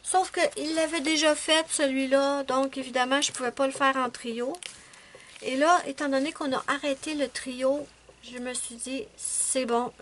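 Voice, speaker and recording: Showing off completed coloring pages, this adult-coloring YouTuber from Quebec, Canada talks in Québécois French in a relaxed home vlog. Her voice is high-ish and a bit bright, and her chatty delivery wanders, full of hesitations and self-corrections.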